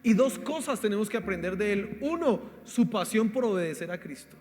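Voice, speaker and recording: Colombian pastor guy preaching live in church, high voice, loud then hushed, echoey hall, soft music under. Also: expressive, fairly quick. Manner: exhorting, addresses listeners as "hermano", swings from loud emphasis to quiet asides. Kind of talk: sermon. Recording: live church stream with reverb and faint music.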